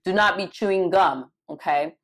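A young adult woman from Cameroon coaching doctors for residency interviews in a live Q&A, animated and emphatic, repeating points for stress. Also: lowish voice, moderate pace. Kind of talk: live Q&A session.

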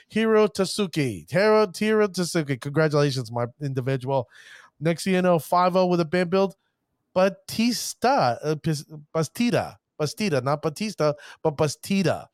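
Recorded at studio quality with no room sound, a slightly high-voiced man hosts a card-game podcast show. He delivers hype-filled casual talk with showman flourishes and keeps stumbling on the players' names.

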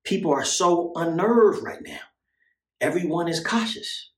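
A man's voice: a little high, animated, measured pace. An American man preaching like a doomsday street preacher, urgent, repetitive and colloquial, mixing scripture with informal commentary. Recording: echoey room.

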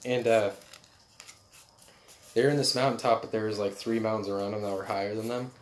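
A young man in easy, slangy conversation with a friend, laughing often. His voice sits a little low and rings with a roomy echo, with a faint hiss underneath. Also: fairly even intonation, a little fast. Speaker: friend chatting. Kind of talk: casual chat.

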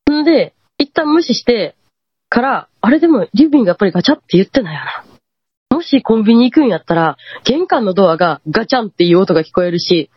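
A woman's voice: medium pitch, fast, slightly rough, dry recording. A woman with a Kansai accent casually telling a true ghost story, acting out the quoted lines. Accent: Kansai Japanese. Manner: animated, acts out quoted lines. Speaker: guest storyteller. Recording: dull lo-fi dry audio.

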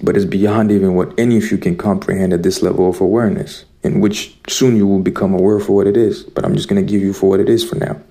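A man's voice: deep voice, flat delivery, quick pace, gravelly, hardly any pauses, warm tone. A man from Zimbabwe giving an earnest, preachy spiritual monologue straight to his listeners. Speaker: spiritual vlogger.

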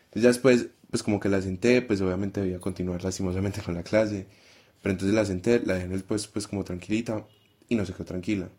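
Husky low-voiced Paisa man. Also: steady tone, fast talker, warm tone. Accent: Colombian Paisa. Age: 20s. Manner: acts out dialogue while telling a story. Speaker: guest, primary school teacher. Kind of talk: casual podcast storytelling.

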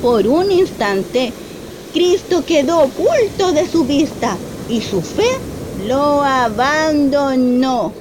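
A woman reads a Bible story to a child in a slow, deliberate way. Her fairly high voice swoops widely as she paints each scene. A faint hiss of noise sits behind her. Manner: expressive, slow, questions the child.

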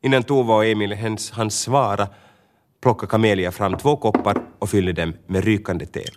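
A man narrating a children's storybook with a lively, expressive reading. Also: on the low side, noisy background.

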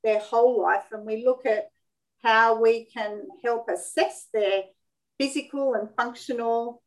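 An Australian woman in her fifties, an occupational therapist, talking in a measured way with frequent ums as an interview guest on a video call. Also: on the high side, steady tone, poor audio. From Sydney, Australia. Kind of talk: interview conversation.

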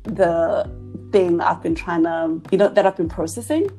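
Measured woman from Zimbabwe, podcast co-host, low pitch, casual chat. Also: mellow, faint music behind.

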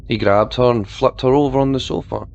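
A man narrating a story aloud in a steady storytelling style and doing voices for the characters. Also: medium pitch, a little fast, creaky, muffled recording.

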